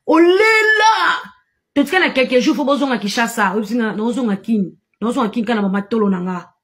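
Ranting woman, higher voice. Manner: accusatory, emphatic, mixes French in. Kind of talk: angry ranting monologue.

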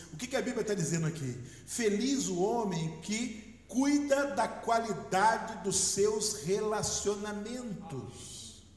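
A middle-aged man from Brazil with a Brazilian Portuguese accent, preaching a lively sermon as pastor and leading the congregation in call-and-response. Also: high voice. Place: large church hall. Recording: echoey church hall.

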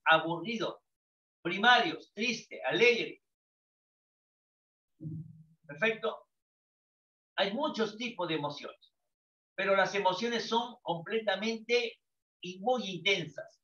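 In a psychology lecture for students, an older Peruvian man speaks with a sharp tone in a voice that sits high. He works by asking questions and answering them himself. The audio is lo-fi, echoey, dull and distant.

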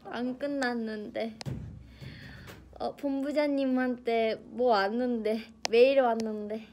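A young woman in her twenties, an idol livestream host, chats playfully on her phone, teasing viewers and answering their comments. Her tone is steady and her pace slow, though she bursts into high shouts and laughter. She leans on a table in a small, bright indoor room, phone held close at arm's length, with background noise audible.

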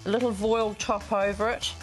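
A woman with a New Zealand accent and an average-pitched voice talks casually through her shop's range. She is informal and admiring as she sells, with faint music behind her. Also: flat delivery, a little fast, poor audio. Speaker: lingerie shop retailer. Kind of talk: casual product presentation.

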